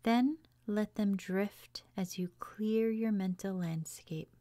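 A yoga teacher with a mid-range voice guides a relaxation meditation. She speaks softly, in a hushed and soothing way, and leaves long pauses between phrases.

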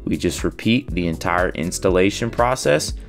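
A man in his thirties giving a steady, step-by-step voice-over on a boat installation. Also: deep voice, normal speed, vocal fry. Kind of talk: voice-over how-to narration. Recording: faint music underneath.

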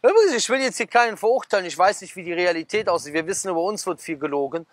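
Reading magazine headlines aloud at a garden table outside, a thirty-something preacher keeps the talk casual, bursting into fast, gesturing asides and posing rhetorical questions to the audience. He sounds high for a man, with lively intonation, on a dry, close clip-on mic recording.

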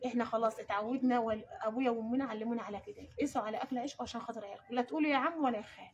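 A woman's voice: fairly high pitch, fairly even intonation, racing, crowd noise. A woman with an Egyptian Arabic accent, a tuk-tuk mechanic answering interview questions earnestly and plainly, repeating herself for emphasis. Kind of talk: casual street interview.

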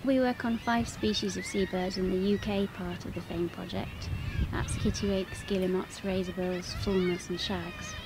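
A woman's voice: mid-range voice, fairly even intonation, normal speed. A woman in her thirties, a scientist explaining her field work in an outdoor interview. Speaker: seabird scientist being interviewed. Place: open grassy coast, outdoors. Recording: clear background noise outdoors.

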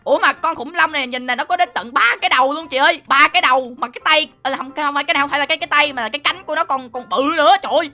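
Shrieking, fast-talking young woman gamer. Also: high voice, pushed and bright, soft background music. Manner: dramatic, exclamatory, shrieks and teasing threats. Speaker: gaming video host. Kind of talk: excited game commentary.

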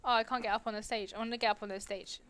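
Speaking rapid-fire with a fairly high, fairly bright voice and fairly even intonation, a young woman from England jokes with viewers and murmurs reactions during a game livestream. Her accent is British.

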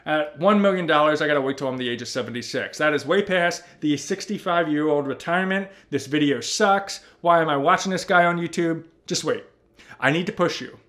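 Talking fairly quickly in a voice on the high side, a man in his thirties, a personal finance YouTuber, explains a spreadsheet with animated emphasis. He addresses viewers directly from his home office.

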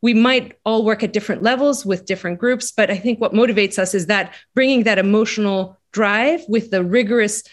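A woman's voice: mid-range voice, a little fast, hardly any pauses. A woman, speaking casually on a panel, with frequent fillers and restarts. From Greece. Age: 40s. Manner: conversational, many "you know" fillers and restarts. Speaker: panelist, center executive director. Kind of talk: panel discussion.

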